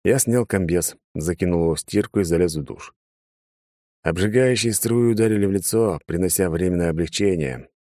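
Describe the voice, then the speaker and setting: A man reads a comic sci-fi audiobook in the first person with a wry, sardonic edge. His voice sits very low. The sound is dry and close-miked. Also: a little fast, warm tone, no room sound. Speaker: audiobook narrator.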